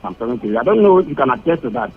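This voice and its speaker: A Nigerian man calling in to a radio show over a phone line. He speaks haltingly and repeats himself while he looks for words. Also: medium pitch, sing-song, slight background noise. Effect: heard over a phone line. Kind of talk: phone-in opinion call.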